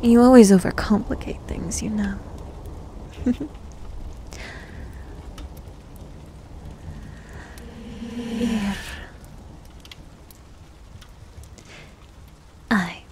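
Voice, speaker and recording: For an ASMR roleplay, a woman plays a needy goth demon girl, whispering softly in a slightly high, dark, velvety voice. Coy, teasing, and breathy, she takes her time, keeping a steady tone at a slow pace over slight background noise.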